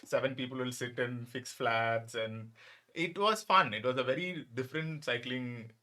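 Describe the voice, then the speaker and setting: A man with a South Indian accent speaks as an interview guest. His voice is mid-pitched and notably bright, with a forceful edge. He tells stories casually and animatedly, slipping into imagined quotes. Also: normal speed. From Bangalore, India. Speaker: podcast guest, photographer.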